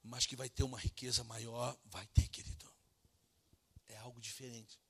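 A Brazilian man preaching an evangelical sermon as a pastor, swinging from soft, hushed lines to loud, impassioned ones. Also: mid-range voice, level tone, moderate pace, gravelly, husky. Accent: Brazilian Portuguese.

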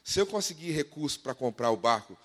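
A man's voice: a little high, animated, a little fast, voice pushed down. A man voicing a little boy in a story told from the pulpit, pleading plaintively over his lost toy boat. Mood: earnest.

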